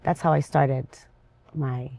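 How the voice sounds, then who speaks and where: A woman from Lebanon, an interview guest, talking in a lively, chatty and restless way. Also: rumbling low, takes it slowly, vocal fry, no echo. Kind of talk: casual interview conversation.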